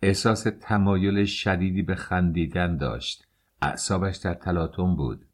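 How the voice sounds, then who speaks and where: A man narrating an audiobook in a measured, literary way. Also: low-pitched. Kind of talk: scripted narration.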